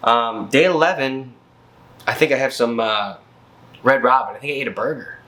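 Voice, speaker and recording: A man's voice: mid-range voice, normal speed, bright, forceful tone. A worn-out man vlogging about his health in a casual, slangy, rambling way. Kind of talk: casual chat, health update.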